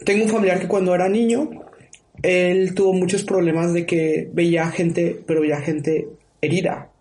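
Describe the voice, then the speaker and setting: A curious male interviewer asks his guest probing follow-up questions in a casual tone. His voice is notably high for a man. The room adds a clear echo. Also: little pitch movement, normal speed, a little mellow. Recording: roomy, echoey room.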